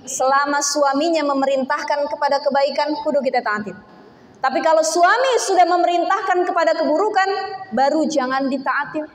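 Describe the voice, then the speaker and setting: High-voiced woman preaching in an echoey hall. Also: fairly quick. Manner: chatty, animated storytelling with acted quotes. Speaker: female preacher. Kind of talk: sermon to a women's gathering.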